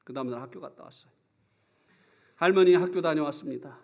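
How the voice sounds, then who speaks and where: A man preaching a sermon, telling stories with lively acted-out scenes, sudden shouts and frequent questions to the congregation. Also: a little high, brisk, vocal fry, dull audio, heavy background noise. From South Korea. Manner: animated storytelling, acts out scenes and shouts; asks the congregation for replies often.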